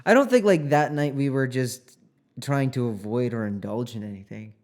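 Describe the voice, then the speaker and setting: A man's voice: mid-range voice, normal speed, a little mellow. A young man in college co-hosting a podcast, telling stories loosely with lots of fillers. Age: young adult. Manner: loose, filler-heavy storytelling. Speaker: podcast co-host. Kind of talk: casual chat.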